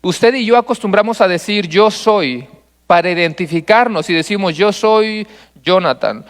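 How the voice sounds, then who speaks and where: A pastor with a bright, high, very clear voice preaches to his congregation. He lays out his points one by one, repeats them, and asks the people questions. His voice rings with the long reverb of a church hall. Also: normal speed. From Mexico. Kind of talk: expository sermon. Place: church sanctuary.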